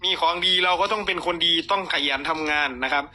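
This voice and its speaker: A man with an Isan Thai accent, hoarse from a cold, casually chatting with viewers on a lottery tips livestream and reading numbers aloud. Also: high-pitched, fast talker, sharp tone, slight background noise.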